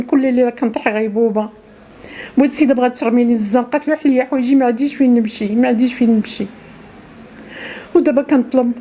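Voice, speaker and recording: Pleading Moroccan woman, quick and mellow. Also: fairly high pitch. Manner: pleading, repeats her words over and over. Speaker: interviewee. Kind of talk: street interview testimony.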